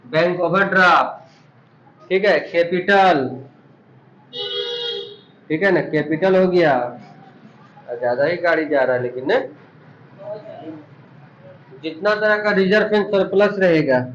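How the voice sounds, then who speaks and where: A man's voice: high-pitched, takes it slowly, long pauses, fairly bright tone, a little hiss or hum. Man teaching accounts in an echoey room. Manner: explains terms and quizzes students with repeated questions. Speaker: commerce teacher. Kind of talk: classroom lesson. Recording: dull echoey room recording.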